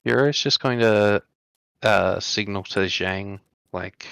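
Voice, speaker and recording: A man's voice: lowish voice, takes it slowly, gravelly, fairly bright tone, clear, resonant tone, no room sound. A man casually describing his character's moves as a player in an online tabletop game.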